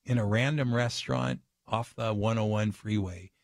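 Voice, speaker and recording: A man guest on a radio talk show, telling a story in an earnest, animated way. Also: fairly low pitch, moderate pace, no echo, studio quality. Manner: earnest, animated, acts out voices in his stories.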